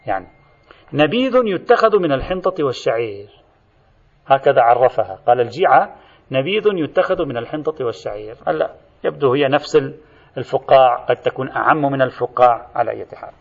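A man's voice: a little high, phone-quality sound. A man giving a methodical religious jurisprudence lecture, explaining texts and glossing words.

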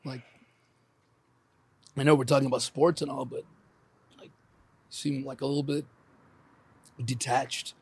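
A man improvising a blunt male district manager in his forties, talking quietly and probing his friend. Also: medium pitch, flat delivery, unhurried, gravelly, pauses often, breathy edge. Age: 40s. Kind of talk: improvised scene.

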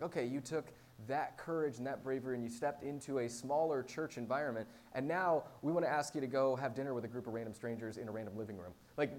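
A pastor with a mid-range, darkish voice preaches live to a small congregation at a small church. His style is informal and conversational, with self-deprecating humor. Background noise with a hum is clearly audible.

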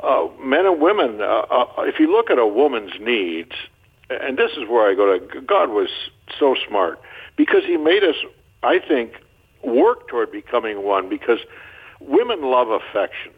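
A man's voice: medium pitch, moderate pace, slightly rough. Older man, joking, over a tinny line. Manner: folksy, joking, animated storyteller. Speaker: guest marriage counselor. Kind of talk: radio interview chat. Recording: tinny phone-line sound.

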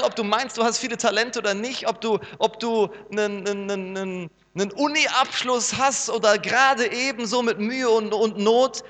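A man preaching a sermon as pastor, lively and animated, sometimes acting out the voices he quotes. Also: sits high. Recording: long reverb with mains hum.

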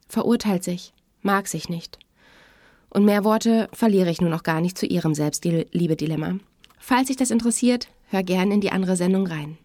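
A woman's voice: medium pitch, darkish tone, dry recording, clean studio sound. A woman therapist hosting her podcast, reading a story and commenting in a conversational, self-ironic way. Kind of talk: podcast narration.

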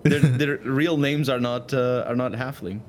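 A man's voice: medium pitch, steady tone, a little slow. A man with a mid-range voice plays a tabletop game. He asks questions eagerly and sometimes trips over his words, with faint noise behind him. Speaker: player. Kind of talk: casual tabletop game play.

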